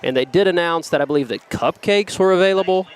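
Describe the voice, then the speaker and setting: A man doing play-by-play commentary for a local high school football broadcast, with jokey, rambling banter about food. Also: quick pace, clear, resonant tone.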